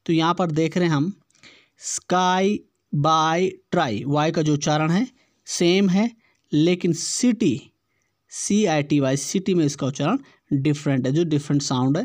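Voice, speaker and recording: A man teaching an exam-prep lesson, reading test questions aloud slowly and repeating words to show their pronunciation. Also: on the high side, darkish tone, no echo.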